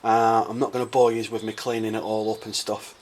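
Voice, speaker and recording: Croaky-voiced man explaining a car job. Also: fairly low pitch, level tone, fairly quick, a little mellow. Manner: easygoing, thinking aloud with many uhs and ums. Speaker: car modding vlogger. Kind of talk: casual how-to explanation.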